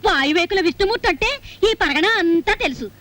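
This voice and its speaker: A tearful pleading wife. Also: female voice, extremely high pitch, lively intonation, fast, fairly bright tone, dry recording. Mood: boastful. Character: distraught middle-aged wife seeking her husband. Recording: film soundtrack with music behind.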